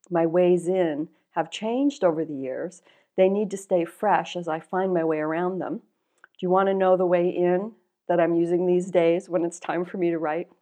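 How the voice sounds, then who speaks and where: A woman coach giving a reflective spoken lesson, wry and self-mocking, in a measured way. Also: on the low side, warm tone.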